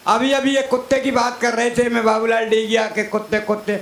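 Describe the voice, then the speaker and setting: A man's voice: extremely high pitch, steady tone, brisk. Older man roasting poets on a stage. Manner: loud, declamatory, teasing banter with the other poets. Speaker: stage comic poet. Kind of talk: comic poetry recital on stage. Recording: echoey stage PA sound.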